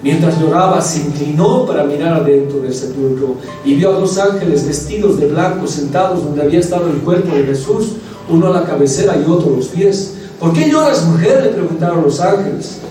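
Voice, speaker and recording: In an echoey church hall, a male preacher delivers a forceful sermon, calling his listeners brothers. His voice is fairly high and warm, his delivery brisk, and the mic sits at a distance with soft music audible behind him.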